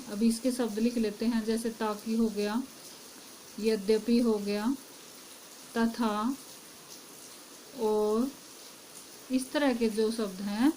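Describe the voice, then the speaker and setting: A woman's voice: mid-range voice, a little mellow, slight background noise, poor audio. A woman teaching a Hindi grammar lesson, asking her class questions and then answering them herself.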